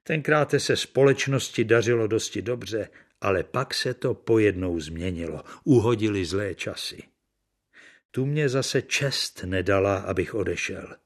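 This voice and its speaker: Guy doing a bitter tired actor, brooding, kinda low voice, audiobook. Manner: brooding, earnest confession. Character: bitter, worn-out middle-aged male stage actor. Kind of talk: audiobook reading.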